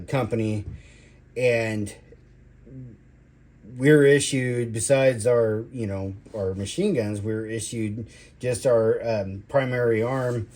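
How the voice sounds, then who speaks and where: A man giving a casual, rambling gear review in a halting way, drawing out his words and trailing off. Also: mid-range voice, a little mellow. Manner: halting, drawn-out delivery with trailing phrases. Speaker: product reviewer, military veteran.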